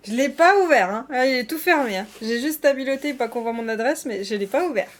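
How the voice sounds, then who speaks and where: A woman's voice: sits high, lively intonation, fairly quick, a little hiss or hum. A woman chatting casually on a live stream, talking to her viewers with lots of fillers and restarts.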